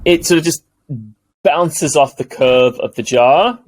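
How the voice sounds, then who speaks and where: A man narrating a tabletop game as game master, in a lively, animated way. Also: fairly high pitch, a little slow, a little hiss or hum, poor audio.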